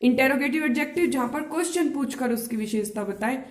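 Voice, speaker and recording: Higher-pitched woman teaching in an echoey room. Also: fairly quick. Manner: asks rhetorical questions, checks with "clear?". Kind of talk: classroom grammar lesson.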